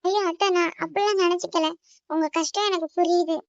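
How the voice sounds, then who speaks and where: A woman voicing a gentle young woman devoted to her younger sisters, soft and polite. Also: extremely high pitch, steady tone, brisk, no room sound, muffled recording. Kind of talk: cartoon voice acting.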